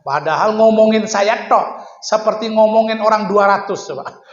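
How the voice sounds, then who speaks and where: High-voiced man lecturing in an echoey hall. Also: normal speed, highs cut off. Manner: chatty storytelling with rhetorical questions. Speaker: pesantren leader giving a public lecture. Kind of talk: informal lecture to students.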